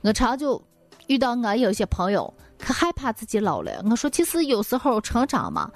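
A woman's voice: fairly high pitch, very animated, moderate pace, music in the background. A woman host telling comic stories in a folksy, exclamatory monologue.

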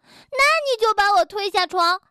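A woman voicing an excitable young male rabbit in a children's story, who is quick to anger and bursts out in shrill, indignant cries. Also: no echo, studio quality. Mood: startled.

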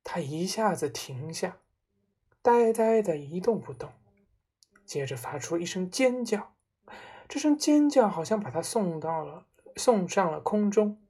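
A woman narrates a storybook aloud with a husky, breathy voice. She sits a little low in pitch and reads expressively. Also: animated, measured pace, dark tone.

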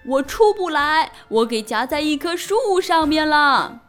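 Woman playing a loud trickster elephant boy for a storybook; high and pleading. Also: animated, unhurried, soft background music. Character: mischievous male elephant, a prankster.

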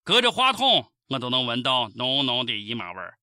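陕西口音女主持，语调起伏很大. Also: female voice, extremely low pitch, very animated, a little fast, bright, forceful tone, no room sound, studio quality. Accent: Shaanxi. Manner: cheeky, theatrical, exclamatory. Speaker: radio host. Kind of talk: comic scripted commentary in dialect.

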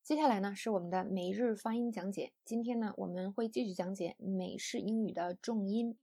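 A woman's voice: mid-range voice, brisk, dark tone, slightly rough. A young woman hosting an English pronunciation lesson, explaining patiently with fillers. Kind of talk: scripted lesson narration.

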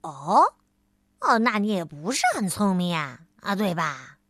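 Woman voicing a jolly little storybook man, halting and filler-heavy, lively pitch. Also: no room sound, heavily acted. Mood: amused. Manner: hesitant with many fillers.

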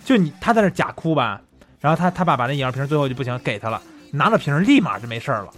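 Chatty man, quick and lively. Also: mid-range voice, faint music behind. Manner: chatty, laughs easily, prompts the other host. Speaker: podcast co-host. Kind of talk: casual chat.

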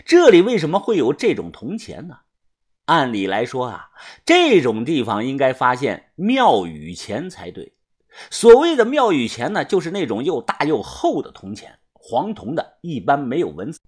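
Husky-voiced woman reading a novel aloud. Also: a bass voice. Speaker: audiobook narrator. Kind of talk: first-person novel narration.

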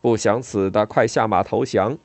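A man voicing a bold, commanding male general of old who shouts boastful battle calls. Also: on the low side, moderate pace, no echo, natural voice.

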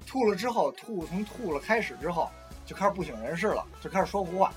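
Fast-talking male host, animated pitch, spinning a comic anecdote. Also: music in the background. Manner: lively storyteller, acts out drunk friend's voice. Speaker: radio talk show host. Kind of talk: casual storytelling chat.

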